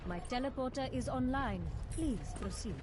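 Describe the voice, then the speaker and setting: A woman's voice: sits high, lively intonation, normal speed. A woman playing a composed, exacting defense architect in a video game, speaking formally and precisely with an Indian accent. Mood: calm, formal. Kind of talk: video game character lines. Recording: loud game noise behind.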